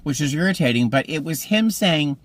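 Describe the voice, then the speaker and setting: A man's voice: a little high, expressive, a little fast. A man in his mid-fifties chatting casually to camera from a parked car, telling meandering stories. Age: 50s. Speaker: vlogger. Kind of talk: casual vlog chat.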